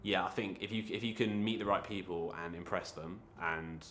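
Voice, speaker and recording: Young man with a very deep voice. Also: steady tone, a bit bright, slight background noise. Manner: halting, many fillers and restarts. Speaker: creative interviewee. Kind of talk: casual reflective interview.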